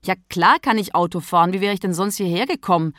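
A woman's voice: lowish voice, very animated, a little slow, a bit bright, dry recording, clean studio sound. A woman voicing an irritable, prickly woman driver who talks back indignantly, in a storybook reading. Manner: snappish, indignant.

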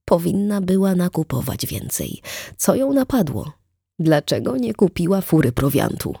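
An expressive audiobook narrator reading a novel, with wide swings of pitch. The voice is gravelly and mellow. It is recorded dry, with no room sound. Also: normal speed, dry recording. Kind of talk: scripted narration.

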